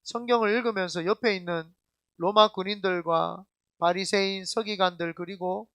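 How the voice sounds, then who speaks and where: A man's voice: high-pitched, fairly even intonation, normal speed, fairly bright tone, clear, resonant tone, no room sound. A male senior pastor preaching a sermon in an emphatic, colloquial storytelling way, often putting questions straight to the congregation. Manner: addresses the congregation directly with questions.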